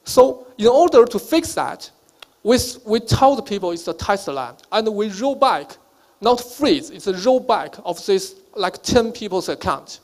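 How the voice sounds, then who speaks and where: High-voiced man explaining slowly in halting English. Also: sing-song, darkish tone. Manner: halting, non-fluent English phrasing. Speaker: company representative speaking at meetup. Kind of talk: unscripted explanation to an audience.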